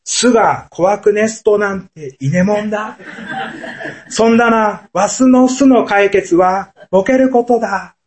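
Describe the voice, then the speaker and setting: A man's voice: high voice, unhurried. A man voicing a jovial, laughing old village Buddhist monk who speaks with a rustic Akita accent. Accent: Akita dialect.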